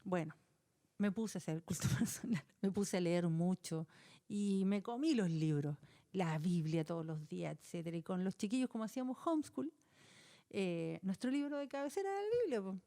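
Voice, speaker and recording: A middle-aged woman with a Chilean accent recounts a personal testimony as a podcast guest. Her voice is mellow and warm, and her pitch swings widely as she talks. She speaks in a loose, colloquial way and laughs along with her own story. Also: moderate pace. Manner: animated, colloquial, laughs while telling.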